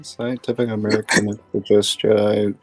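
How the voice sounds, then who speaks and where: A man keeps jumping in with excited remarks during a casual chat. Faint music plays behind him. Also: fairly low pitch, normal speed. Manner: excitable interjections. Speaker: stream participant.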